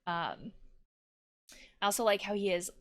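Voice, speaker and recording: A therapist plays a video game and comments on it in a casual let's play, thinking aloud reflectively. Her voice sits at a medium pitch and moves a little slowly.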